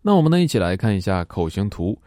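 Deep-voiced, joking pronunciation teacher. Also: male voice, very animated, mellow, dry recording, clean studio sound. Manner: joking, demonstrates sounds slowly and deliberately. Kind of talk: pronunciation lesson.

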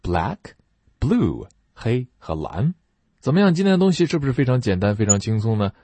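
A man teaching English pronunciation, reading slow drawn-out model phrases for listeners to repeat between brisk explanations. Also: medium pitch, big pitch swings, dark tone, no room sound. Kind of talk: online English lesson with repeat-after-me drills.

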